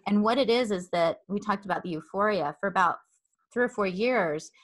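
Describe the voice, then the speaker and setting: This interview host, a woman who has a child, talks a little fast in a mid-range voice. Her earnest, wordy questions are peppered with ums and repeated words.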